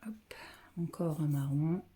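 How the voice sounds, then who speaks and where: A woman filming on her phone at home, talking softly and often half-whispering, hesitant and repeating herself as she names colors. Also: sits low, slow. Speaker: craft vlogger showing thread colors. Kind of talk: casual show-and-tell. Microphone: phone camera.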